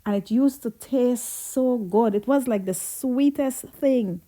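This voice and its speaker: A Guyanese woman reminisces in a casual, chatty vlog. Her voice sits fairly high but sounds mellow and warm. She drifts into Creole phrasing as the stories pick up. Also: slow pace. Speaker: vlogger. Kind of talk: casual storytelling.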